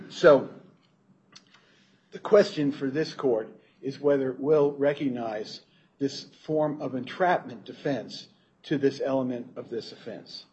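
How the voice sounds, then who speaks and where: A man speaks as an appellate lawyer, giving a formal, explanatory legal argument in a somewhat halting way. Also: medium pitch, darkish tone. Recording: dull courtroom recording, faint noise.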